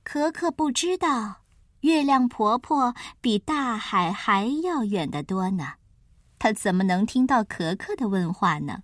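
一位女士在给孩子们朗读绘本故事，语气温柔，抑扬顿挫，富有感情。. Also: female voice, medium pitch, no echo, clean studio sound. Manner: slow, gentle and expressive storytelling. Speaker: storyteller. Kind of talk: children's picture-book reading.

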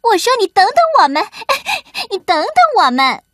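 Lady doing a loud bossy little chick, really high voice, storybook. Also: sing-song, moderate pace, dry recording, clean studio sound, distant mic, exaggerated voice. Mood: urgent, bossy. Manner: shouting, bossy. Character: Carmen, bold young chick.

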